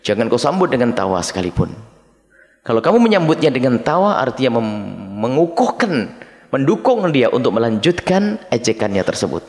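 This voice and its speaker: A middle-aged male preacher gives a dawn sermon, reading short Arabic lines and then explaining each one. His voice rises and falls in wide, animated swings. The long reverb of a big hall trails after every phrase. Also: mid-range voice, normal speed. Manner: reads Arabic phrases then explains them, addresses listeners as his children. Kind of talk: dawn sermon teaching from a text.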